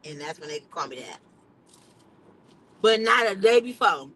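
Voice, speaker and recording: A woman's voice: medium pitch, lively intonation, normal speed, sharp tone, poor audio. A middle-aged woman chatting casually on a livestream, blunt and emphatic, swearing freely. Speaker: vlogger.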